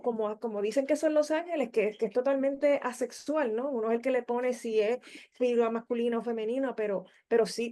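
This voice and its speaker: A woman's voice: fairly high pitch, dark tone. A woman with a Puerto Rican Spanish accent, sharing her experience on a video call in a chatty way, repeating words and fillers. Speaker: study group participant.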